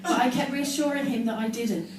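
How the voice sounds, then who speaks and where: A woman on stage at a live storytelling event reads her teenage diary comically, performing its drama and adding amused asides. Her voice is fairly high and fairly quick. The audio, taken from a distant mic, is very echoey with lots of venue noise.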